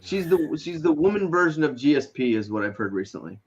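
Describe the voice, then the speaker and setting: Man in his late thirties, podcast co-host, lively pitch, dull lo-fi sound. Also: a little fast. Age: 30s. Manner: animated, swears casually, teasing. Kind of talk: casual podcast banter.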